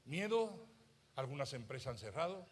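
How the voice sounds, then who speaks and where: A man preaching a sermon as pastor, passionate, swinging from loud exclamations to hushed asides. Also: mid-range voice, big pitch swings, normal speed. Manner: acts out worried voices of doubters.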